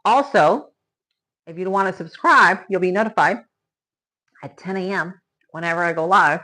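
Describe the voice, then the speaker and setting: A woman with a lower-pitched voice chats with live viewers while cooking in her home kitchen, speaking at a moderate pace with a pushed, bright tone. Born in Spain to Cuban parents and raised in Florida from age ten, she's a live stream host who exclaims and thanks viewers as she works.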